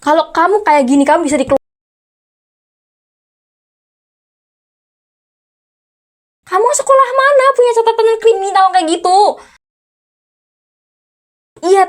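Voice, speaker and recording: A woman acting out a wealthy, unmarried aunt who runs her own company, heard in an ASMR role-play. She scolds in a high voice, firing sarcastic questions and sharp challenges at the teenager she looks after. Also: natural voice. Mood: lecturing. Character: furious rich unmarried aunt, CEO, scolding teen. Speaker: VTuber role-play creator.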